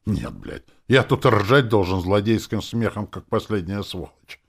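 A man voicing a blunt, irritable young male dark mage who swears. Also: on the low side, a little slow, pitched above the performer's own voice, exaggerated voice. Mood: irritated. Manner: gruff, swearing.

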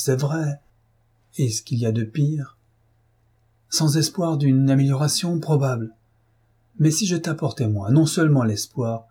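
A man reading the lines of an eager, caring married woman in a storybook, voicing her a little higher than his own voice. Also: warm tone, slightly rough.

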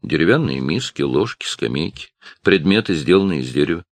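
A man voicing a plain, calm country man who gives short, guarded answers. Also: extremely low pitch, brisk, dry recording.

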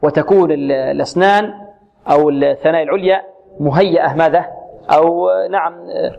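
Man teaching Quran recitation, slow and precise. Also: on the high side, vocal fry, a little mellow. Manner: repeats syllables slowly to model pronunciation, asks questions to the class. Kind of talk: tajweed lesson with recited examples. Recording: muffled lo-fi recording.

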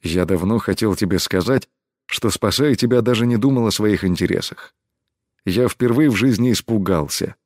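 A stern, protective starship captain, as the male narrator plays him, speaking low and hushed with a deep register. He sounds possessive and commanding. The close, dry recording keeps every word near. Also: moderate pace, no echo, close to an everyday voice. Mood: tender. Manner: low and hushed, growling when angry.

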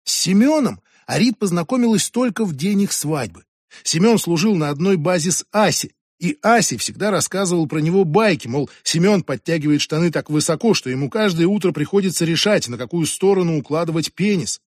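A man's voice: fairly high pitch, expressive, a little fast, a little mellow, dry recording, clean studio sound. Man reading a novel aloud. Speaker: audiobook reader. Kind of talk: scripted narration.

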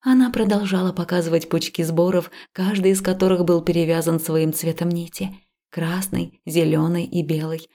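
A woman narrating a first-person audiobook in a calm, even reading. Her low voice has a gravelly edge and a dark, mellow tone. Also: normal speed.

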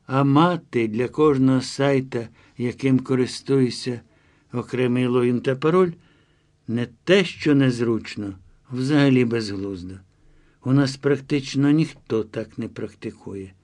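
A man's voice: mid-range voice, unhurried, a little mellow, natural voice. A man reading the lines of a chatty, self-assured guide who explains his reasoning with confiding asides.

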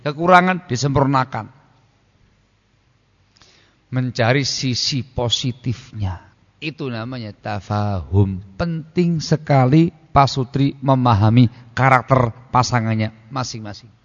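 Indonesian preacher, echoing lecture hall. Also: male voice, medium pitch, highs cut off. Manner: conversational, questions the audience, acts out quoted spouses. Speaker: Islamic preacher. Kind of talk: religious lecture on marriage.

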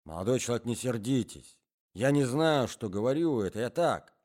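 A man voicing an anxious middle-aged gentleman who pleads in fussy, formal phrases. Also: medium pitch, animated, moderate pace, voice pushed up, lightly acted. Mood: pleading.

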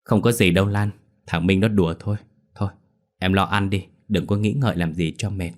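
A man playing an easygoing young man in a spoken ghost story, with a low voice. He talks in a casual, reassuring way. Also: steady tone, a little fast, close to an everyday voice.

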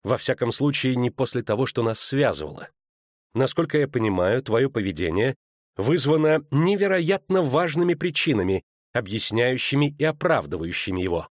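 A man's voice: sing-song, moderate pace, no echo, studio quality. A man voicing a proud, spurned sorceress woman who speaks with biting sarcasm in an audiobook. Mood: sarcastic, furious. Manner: biting sarcasm, rising pitch. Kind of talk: audiobook character voice.

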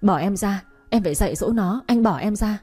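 A woman voicing a shrill, spiteful young sister-in-law in a story reading. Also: fairly quick, mellow, husky, soft background music, lightly acted. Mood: yelling.

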